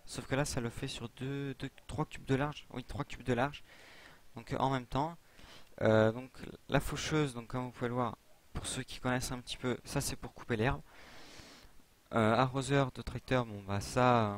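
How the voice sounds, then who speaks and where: A young man giving a casual gameplay tutorial, rambling with many fillers and restarts as he explains a modded server. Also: medium pitch. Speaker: server admin giving a modded game tour.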